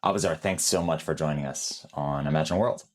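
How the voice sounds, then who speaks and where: A man's voice: extremely low pitch, a little fast. A man hosting an interview in a friendly, upbeat way, asking open questions. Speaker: host.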